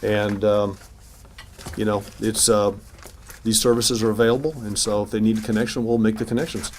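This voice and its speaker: In a city hall news conference room, the mayor speaks at a moderate pace in a lowish voice with flat delivery, offering remarks and responding to questions. He talks informally, often restarting and using filler words, over slight background noise.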